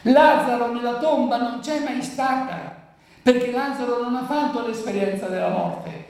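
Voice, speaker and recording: Gravelly preacher in a very echoey room. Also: mid-range voice, normal speed, a little mellow, distant mic. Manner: asks rhetorical questions and answers them. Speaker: preacher explaining the Gospel. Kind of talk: Bible commentary talk.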